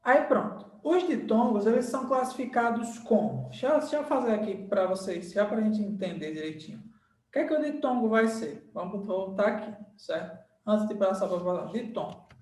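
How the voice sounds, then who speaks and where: A man's voice: high voice, animated, normal speed, far from the mic. A male teacher gives a grammar lesson at a board. He repeats words and checks in often to make sure the class follows. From Brazil. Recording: echoey room, voice off-mic.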